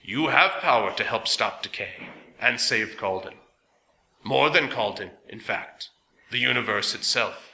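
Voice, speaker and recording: A man voicing a small talking sweeper machine that speaks in a grinding, metallic voice with slow, grave warnings. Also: medium pitch, animated, vocal fry, pushed and bright, roomy sound, exaggerated voice, poor audio. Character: strange talking machine sweeper, solemn and ominous.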